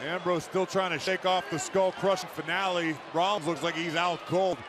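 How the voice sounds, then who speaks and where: A man's voice: high-pitched, fairly even intonation, moderate pace, background noise. A man giving live color commentary on wrestling, in polished, analytical phrases.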